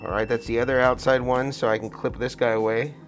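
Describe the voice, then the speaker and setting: An American man hosts a hands-on tutorial, his voice muffled by a face mask. He explains things step by step at a middling pitch. Music plays faintly behind him. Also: level tone, fairly quick. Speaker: tutorial host, guitar rig builder.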